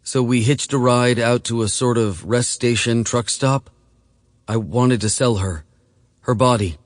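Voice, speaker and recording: A man reading an audiobook voices a frightened, skinny nineteen-year-old runaway boy who speaks in halting, broken phrases and cries. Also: medium pitch, dry recording, studio quality, close to an everyday voice. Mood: nervous. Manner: halting, fragmented speech, crying.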